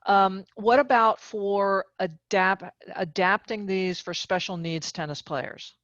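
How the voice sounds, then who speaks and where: A woman's voice: mid-range voice, fairly even intonation, slow, fairly bright tone, no room sound. Polite woman moderator on dull call audio. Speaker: panel moderator. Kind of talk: relaying audience questions.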